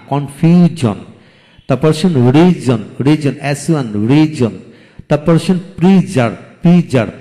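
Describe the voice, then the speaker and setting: A man teaching English pronunciation in a video lesson, saying each word slowly twice and spelling it out. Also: medium pitch, dark tone. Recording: long hall reverb.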